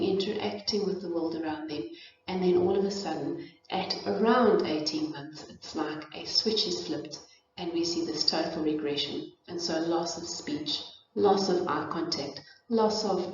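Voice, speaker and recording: A middle-aged South African woman, lowish in pitch, talks through a lesson in a thoughtful way, often pausing on fillers and restarting her sentences. She sounds set back from the microphone in a very echoey room, and the sound is a little dull with a faint hiss behind her. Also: a little mellow, recorded from a distance. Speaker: presenter of a parenting and child development talk. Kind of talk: informal educational talk.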